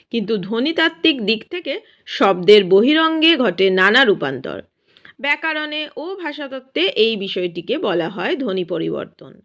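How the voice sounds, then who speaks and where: A woman's voice, a little higher than most, leads a grammar lesson for students. She explains each point slowly and in small parts, then asks questions out loud. Her pitch rises and falls a great deal, with a lively, expressive sound. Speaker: teacher.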